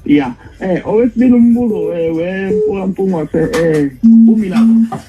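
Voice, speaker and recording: Zulu accent guy phoning in, bit high voice, halting, muffled line. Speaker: fan calling in with questions. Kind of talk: casual phone chat. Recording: dull phone line, music behind.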